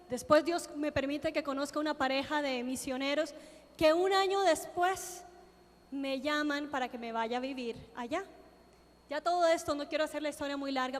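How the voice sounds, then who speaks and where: Woman preacher telling her story, acts out the dialogue, high voice, long church-hall reverb. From Colombia. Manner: animated storytelling, acting out her own prayers and dialogue. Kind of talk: sermon testimony.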